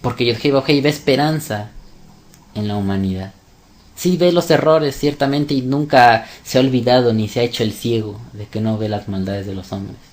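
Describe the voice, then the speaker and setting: A man gives a sermon-style scripture lesson in a voice of ordinary pitch. He stresses his points hard and keeps asking rhetorical questions. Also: normal speed. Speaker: religious teacher. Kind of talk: sermon-style Bible teaching.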